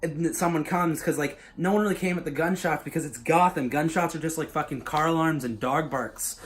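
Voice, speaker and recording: A man casually pitching his own story as a YouTuber, loose and swearing, full of filler words. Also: a little fast.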